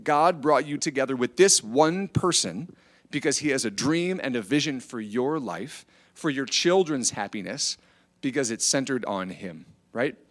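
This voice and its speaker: Speaking at a church family event, a middle-aged man from Iowa with an American accent delivers an informal, motivational talk full of conversational storytelling. His average-pitched voice is a bit bright, and he keeps inviting agreement with short tag questions.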